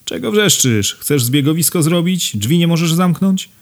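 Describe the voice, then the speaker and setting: A man voicing a coarse young woman, a hardened streetwalker who talks back in a crude, gruff, almost baritone voice. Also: expressive, moderate pace. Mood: defiant, scornful.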